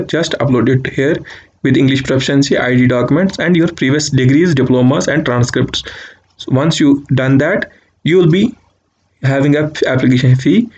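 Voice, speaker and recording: A man's voice: mid-range voice, darkish tone, muffled recording. Man narrating a screen walkthrough. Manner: step-by-step instructional, repeats "just click on this". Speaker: channel host. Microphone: voice-over over screen capture.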